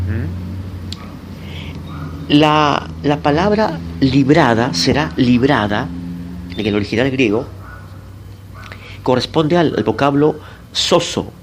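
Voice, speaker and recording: A man preaching as a pastor in a Bible teaching sermon. He talks deliberately, asks and answers his own questions, addresses listeners directly and spells out Greek words letter by letter. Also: mid-range voice, noisy background.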